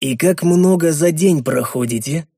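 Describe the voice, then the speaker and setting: A man voicing a stern, quick-tempered leader who barks orders. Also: mid-range voice, darkish tone, no room sound, studio quality, faint music behind, natural voice. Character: gruff male leader, quick-tempered then easing.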